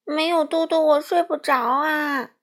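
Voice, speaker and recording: A woman's voice: sits high, normal speed. A woman doing little Peipei the koala girl. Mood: eager childlike. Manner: bright eager childlike speech. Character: small confused three-year-old girl koala.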